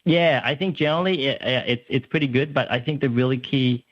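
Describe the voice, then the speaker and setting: A young Australian man phones in to a radio talk show, his mid-range voice brisk and free of echo. Earnest in tone, he restarts often and leans on fillers, all heard through a muffled phone line.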